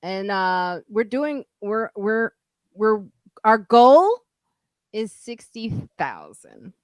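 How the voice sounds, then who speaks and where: A woman's voice: mid-range voice, expressive, extremely slow, dry recording. A woman hosting a podcast in casual, bantering chat. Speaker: podcast host.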